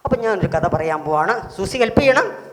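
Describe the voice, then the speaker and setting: A man hosting a children's Bible school session in an auditorium, animated and quick to quiz the kids. His voice sits high for a man, with lots of rising questions. It carries a long hall echo and faint background noise. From Kerala, India. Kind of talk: children's program hosting and storytelling.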